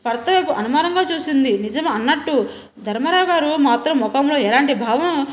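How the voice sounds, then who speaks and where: A woman narrating a novel aloud in an even, unhurried reading. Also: high voice. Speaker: novel reader. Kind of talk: storybook narration.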